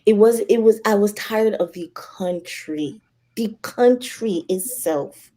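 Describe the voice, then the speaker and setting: A woman from Nigeria tells a story on a podcast with real energy. She talks quickly in an ordinary middle voice and acts out the people she quotes. Her delivery is lively and expressive. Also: mid-range voice. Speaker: guest. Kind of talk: animated storytelling.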